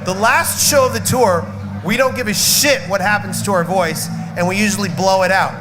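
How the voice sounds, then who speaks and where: A rock singer, here as a guest, talks at normal speed in a voice that sits high, chatting casually backstage at a festival. He is outspoken and emphatic, swears, and sounds like he has a slight cold and cough. Loud music fills the background.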